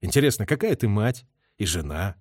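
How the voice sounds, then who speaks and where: A man's voice: lowish voice, very animated, a little fast, darkish tone, no room sound, clean studio sound. A man voicing a young male artillery officer who talks in an insistent, half-joking way. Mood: coaxing.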